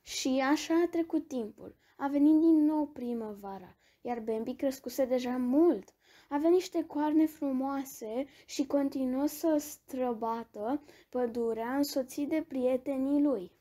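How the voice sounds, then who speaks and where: A woman reading a bedtime story aloud, gentle and expressive, with small restarts. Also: sits high.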